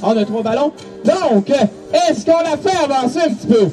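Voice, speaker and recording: A man's voice: very high-pitched, expressive, normal speed, dark tone, far from the mic, soft background music. A man announcing over the stadium PA at a football game, calling contestants and hyping the crowd.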